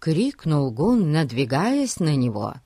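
A man reading a story aloud in a measured, expressive way. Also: a little high. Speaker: narrator.

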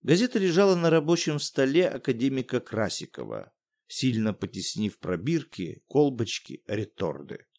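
A man's voice: mid-range voice, very animated, normal speed, darkish tone. A man narrating an audiobook with dramatic storyteller delivery.

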